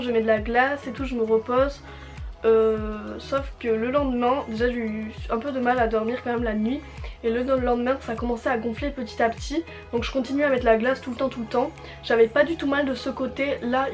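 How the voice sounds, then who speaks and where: A young woman vlogger chats through a personal story at a quick clip. Her voice sits fairly high and her wording is informal and slangy. Music plays behind her. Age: teenager or young adult. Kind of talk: casual storytime chat.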